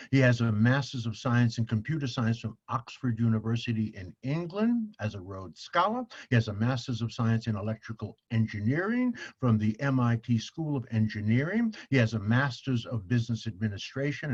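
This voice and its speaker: A man's voice: mid-range voice, husky, lo-fi sound. A man hosting a podcast, introducing his guest effusively and repeating words for emphasis. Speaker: podcast host.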